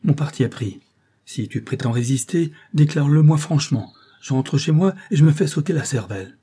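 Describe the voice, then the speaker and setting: A man's voice: on the high side, lively intonation, normal speed, warm tone, husky, pitched above the performer's own voice. A man playing a curt, stern count. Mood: bitter. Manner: curt, hard. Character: stern, proud male count, curt and angry.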